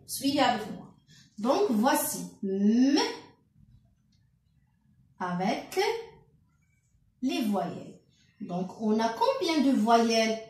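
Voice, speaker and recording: Slow, high-voiced woman teaching children. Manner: slow, emphatic, syllable-by-syllable with claps. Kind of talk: slow classroom reading lesson for young children. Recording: echoey room, voice from a distance.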